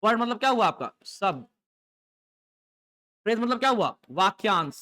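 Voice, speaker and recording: Lively male teacher lecturing a class. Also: sits high, moderate pace. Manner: call-and-response questioning, lively rhetorical checks. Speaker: English teacher for exam coaching. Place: classroom with students.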